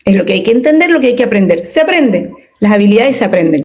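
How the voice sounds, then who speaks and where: A woman speaking as a communication consultant in an interview, expressive and emphatic, often asking rhetorical questions. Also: mid-range voice, quick pace. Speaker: communication consultant and workshop leader. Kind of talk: interview conversation.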